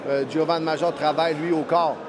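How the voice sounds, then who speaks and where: A man's voice: on the high side, little pitch movement, fairly quick. Analytical Quebec man, very noisy boxing commentary. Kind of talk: technical live sports commentary. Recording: very noisy venue background.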